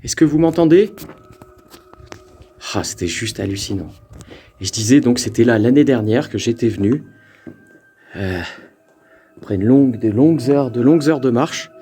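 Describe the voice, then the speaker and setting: A man with a mellow, dark voice and a mid-range pitch walks alone through an abandoned mountain fort, calling out to spirits. He stammers and repeats himself as excitement takes over. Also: moderate pace, husky. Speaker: paranormal investigator. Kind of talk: ghost-hunting vlog narration.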